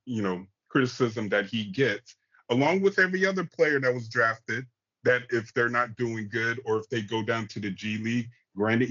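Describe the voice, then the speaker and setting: A man's voice: medium pitch, highs cut off. A man ranting casually about basketball, heated and profane. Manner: heated, profane, rising to near-shouting. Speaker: podcast co-host. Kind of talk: casual sports rant.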